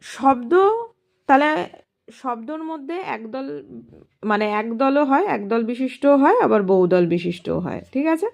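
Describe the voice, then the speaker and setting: A woman teacher walks students through a grammar lesson in a casual, patient way. Her voice sits a little high and swings widely in pitch. She keeps posing questions and then answering them herself. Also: expressive, normal speed, pauses often, a little mellow. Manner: explains step by step, asks and answers her own questions.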